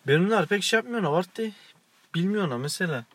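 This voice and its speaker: A man's voice: sits high, animated, quick pace, fairly bright tone, a little hiss or hum. A man co-hosting a casual chat show, teasing, giggling and cutting in. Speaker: co-host.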